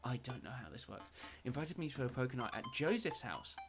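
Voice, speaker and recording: A man's voice: medium pitch, animated, a little fast. A young streamer with a mid-range voice, chatty and playful as he reads game dialogue and jokes at his own expense. Game music runs underneath the whole time. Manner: chatty, playful, self-mocking. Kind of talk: let's-play commentary, reading game dialogue aloud.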